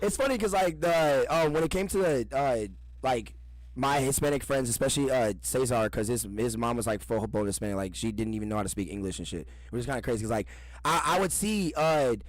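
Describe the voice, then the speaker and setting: A man's voice: mid-range voice, animated, fairly quick, no echo, low-quality recording. A man co-hosting a podcast in laid-back, agreeable, profane chat. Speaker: podcast co-host. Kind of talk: casual chat.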